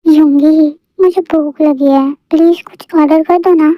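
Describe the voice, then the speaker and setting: A woman's voice: high voice, fairly even intonation, unhurried, dry recording. A woman voicing a bossy, sulky young wife who scolds and teases her husband in a fan audio story. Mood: scolding. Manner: scolding, pouty, dramatic. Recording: dull lo-fi dry recording.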